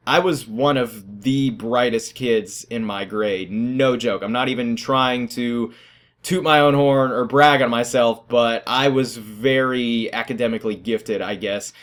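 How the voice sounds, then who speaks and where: A teenage boy casually telling stories about his school days, rambling and self-deprecating, often laughing at himself. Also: medium pitch. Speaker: vlogger. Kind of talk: casual storytelling.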